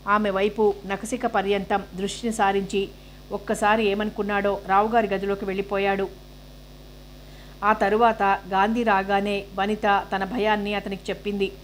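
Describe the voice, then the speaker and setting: A woman reading a novel aloud in steady storytelling. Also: mid-range voice, slight background noise. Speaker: novel reader.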